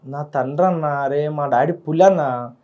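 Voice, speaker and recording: A young man, a student leader, speaks in an emotional interview with heartfelt feeling, often repeating his words. His voice is fairly high and his pace normal, and the recording sounds muffled.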